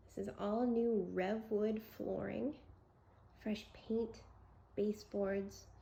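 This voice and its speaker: A woman with a creaky voice giving an enthusiastic home tour as a gushing real estate agent, full of superlatives. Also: medium pitch, warm tone, rough recording. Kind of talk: enthusiastic property tour presentation.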